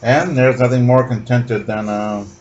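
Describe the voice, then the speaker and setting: Wry, relaxed man on a podcast. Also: medium pitch, measured pace, highs cut off. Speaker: podcast co-host. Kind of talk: casual comic book discussion.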